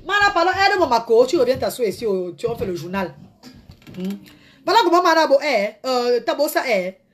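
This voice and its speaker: A woman doing a live rant to her followers, theatrical, slipping into mock crying and swinging from loud outbursts to hushed asides. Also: high-pitched, big pitch swings, a little fast, slight background noise. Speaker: social media personality.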